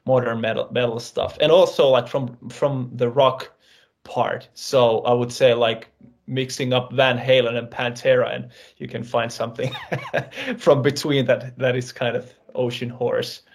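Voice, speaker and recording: Slow, gravelly-voiced man chatting. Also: medium pitch. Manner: relaxed, laughing, swears casually. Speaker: band member, guest. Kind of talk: casual interview chat.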